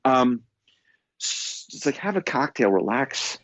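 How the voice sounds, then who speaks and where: A man's voice: mid-range voice, sing-song, takes it slowly, fairly bright tone, no echo, highs cut off. A man with a New York accent, co-hosting a podcast in a casual, rambling chat with many restarts and stammers. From New York State. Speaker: podcast co-host. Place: London.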